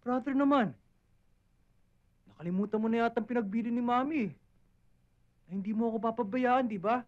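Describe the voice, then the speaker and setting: Whiny cheeky kid brother, muffled film sound. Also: male voice, extremely high pitch, brisk. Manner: whiny, teasing. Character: cheeky whining younger brother, young man. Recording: dull old film audio.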